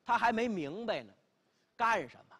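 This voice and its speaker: A man's voice: high voice, lively intonation, moderate pace, a bit bright, slightly rough. A middle-aged man performing traditional Chinese storytelling on stage in an emphatic, dramatic, exclamatory manner. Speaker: pingshu storyteller. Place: television studio stage.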